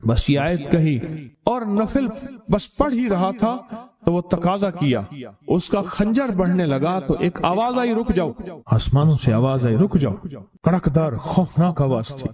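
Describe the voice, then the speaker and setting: A man's voice: high-pitched, lively intonation, crowd noise. A man preaching a sermon and telling a story dramatically, acting out the characters' lines. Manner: dramatic storyteller, acts out voices in quotes.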